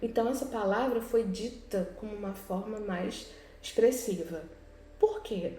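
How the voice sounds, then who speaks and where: A woman's voice: mid-range voice, unhurried, mellow. A woman teacher with a Brazilian Portuguese accent explains exercises step by step, often checking in with her students. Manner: explanatory, frequent "né?" and "tá?" check-ins. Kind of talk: recorded class lesson, correcting exercises. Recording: echoey room with faint background noise.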